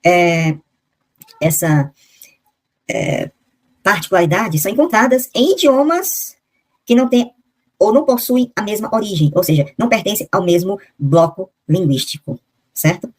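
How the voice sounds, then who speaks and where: Woman, Bible teacher, middle pitch, measured and explanatory, on a video call. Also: animated, husky. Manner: reads out name lists and verses, slowly spelling out foreign names. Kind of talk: explanatory Bible lesson with slides.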